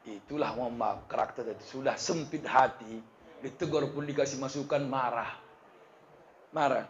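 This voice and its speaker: A man preaching a humorous sermon at a religious study gathering, talking in a lively, joking way and often addressing the women in the audience. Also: mid-range voice, moderate pace, lo-fi sound, a little hiss or hum. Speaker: Islamic preacher.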